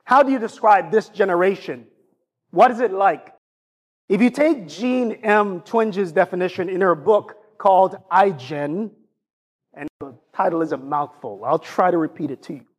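A man's voice: high voice, normal speed, breathy edge. A man with a Jamaican accent preaching a sermon to his congregation, asking them rhetorical questions as a pastor.

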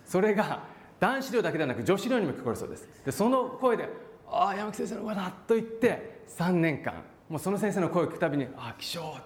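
A man preaching a sermon, animated, acting out voices and calling out for emphasis. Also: sits high. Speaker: pastor. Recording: echoey hall.

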